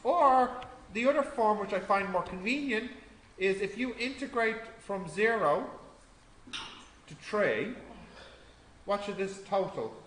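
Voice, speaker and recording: Male maths tutor, high voice, step-by-step and questioning; echoey room, faint noise. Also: expressive, slow, long pauses, fairly bright tone. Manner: explains step by step, asks the class questions. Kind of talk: classroom tutorial. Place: classroom.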